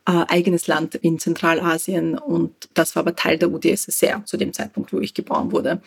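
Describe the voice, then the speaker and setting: A woman's voice: fairly low pitch, fairly even intonation, brisk, creaky, slightly rough. Woman, reflective storyteller. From born in Tajikistan, raised in Austria. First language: Russian. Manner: reflective, warm storytelling with light laughs. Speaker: fashion professional guest. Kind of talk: conversational interview answers.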